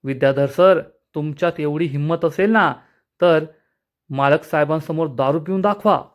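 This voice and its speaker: A man's voice: on the high side, normal speed, close to an everyday voice. A man reading out the line of a defiant young woman from a TV serial. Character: brave young housewife standing up to a bully.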